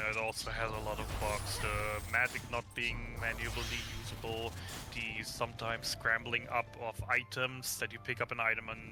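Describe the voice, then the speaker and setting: Man with a cold, commentating over music. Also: mid-range voice. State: has a cold. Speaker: guest commentator, game expert. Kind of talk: casual live gaming stream commentary. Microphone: voice call over Discord.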